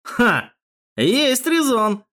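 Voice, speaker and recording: A man's voice: fairly high pitch, big pitch swings, moderate pace. A man voicing a mocking, crude male police thug with a jeering manner in an audiobook. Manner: jeering, sneering, loud.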